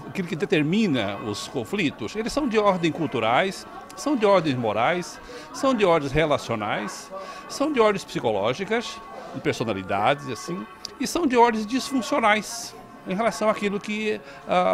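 Lecturer, 60s man, reflective interview, faint music behind. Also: high-pitched. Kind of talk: explanatory interview. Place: indoor event hall. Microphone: handheld reporter mic.

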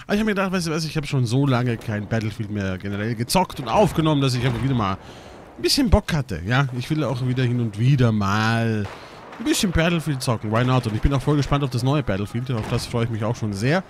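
A young German man doing live gameplay commentary, excitable and swearing a lot, with bursts of shouting while mostly keeping his voice down. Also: medium pitch, quick pace, a little hiss or hum. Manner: holds his voice down at night. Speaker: let's play gamer.

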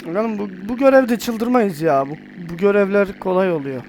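A man with a high voice commenting on his own gameplay in a loose, casual way. He swears loudly and shouts at the controls. Faint game sounds, gunfire and engines, run under his voice. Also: normal speed. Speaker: gameplay streamer. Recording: faint game noise behind.

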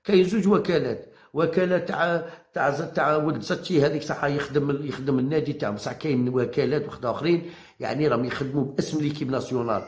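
Fast-talking Algerian man ranting in an echoey room. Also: fairly high pitch, slight background noise. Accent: Algerian Arabic. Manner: combative, repeats phrases, challenges listeners. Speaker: football commentator vlogger. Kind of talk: heated monologue to viewers.

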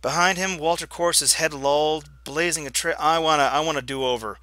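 A gameplay host reading a story game aloud, reacting loudly and swearing at his choices. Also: a little high, a little fast, dry recording.

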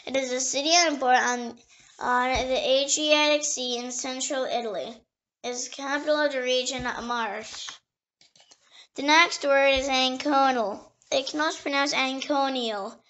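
A woman reading dictionary entries aloud slowly and carefully, spelling each word letter by letter and sometimes stumbling and restarting a word. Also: high-pitched, steady tone, sharp tone, dull audio. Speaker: dictionary reader.

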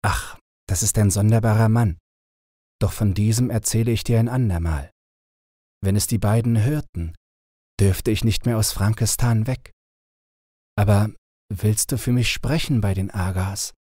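A man's voice: on the low side, unhurried, dark tone, no echo, clean studio sound. A man voicing a homesick, pleading young boy in a storybook reading, with an earnest, plaintive manner.

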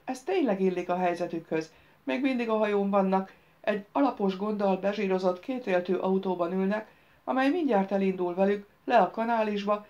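Woman, audiobook narrator, measured storytelling, lifts voice for dialogue. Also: medium pitch, lo-fi sound. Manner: reads dialogue lines louder and livelier than narration.

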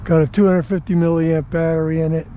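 A man's voice: fairly high pitch, level tone, muffled recording, a little hiss or hum. Older man muttering while flying outdoors. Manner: offhand, halting, self-deprecating. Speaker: RC hobby pilot. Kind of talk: casual commentary while flying. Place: outdoors on a windy day.

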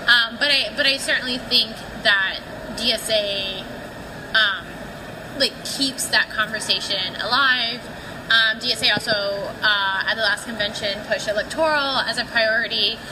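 A woman with a fairly high voice answers an interview question at a convention, talking casually with lots of fillers. The recording carries clear background noise. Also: unhurried. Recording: noisy field recording.

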